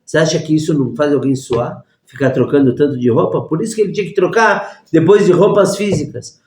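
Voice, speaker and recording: A man, a rabbi teaching a lesson through lively stories and acted-out voices. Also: fairly high pitch, brisk. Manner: animated storyteller acting out voices. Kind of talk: storytelling lesson. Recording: echoey room.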